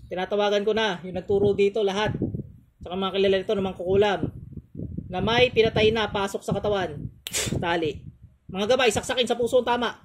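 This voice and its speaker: A man working as a faith healer, who chants ritual prayers slowly and scolds in a stern, commanding way. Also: high-pitched, fairly even intonation, noisy background. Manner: chanting in slow, drawn-out formulas. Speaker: faith healer performing an exorcism.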